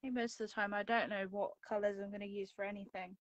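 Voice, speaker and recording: A woman's voice: mid-range voice, level tone, fast, no echo. A woman chatting casually while colouring on a livestream, laughing often between remarks. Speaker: livestream co-host. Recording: dull, dry lo-fi livestream audio.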